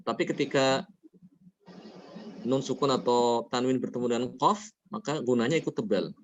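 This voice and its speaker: A man teaching Quran recitation rules, explaining each rule and then reciting the examples slowly and melodically. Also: mid-range voice, lo-fi sound. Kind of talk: tajwid lesson.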